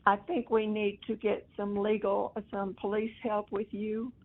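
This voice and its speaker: A woman's voice: medium pitch, little pitch movement, a little slow. A woman on a phone call, stern and scolding as she lectures the caller. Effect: heard over a phone line. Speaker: prank call target. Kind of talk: phone argument. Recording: tinny phone line.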